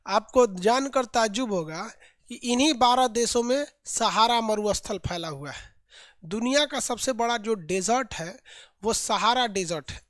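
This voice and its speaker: A man's voice: very high-pitched, a bit bright, no echo. Male tutor, live online class, repeats lists in chant, dry close sound. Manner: drills lists by repetition, colloquial and playful. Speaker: teacher.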